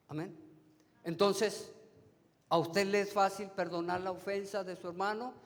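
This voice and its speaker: High-voiced preacher in a reverberant church. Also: male voice. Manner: asks the congregation rhetorical questions, addresses them as brothers; swings between emphatic rises and soft, trailing phrase endings. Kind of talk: sermon. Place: church sanctuary. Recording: long hall reverb of a church.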